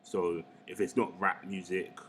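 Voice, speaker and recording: A man's voice: deep voice, little pitch movement, unhurried, a little hiss or hum. A young Englishman, chatting casually and rambling with lots of slang while he works on a digital painting. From England. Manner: laid-back, slangy, rambling. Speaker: artist. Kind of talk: casual chat while drawing.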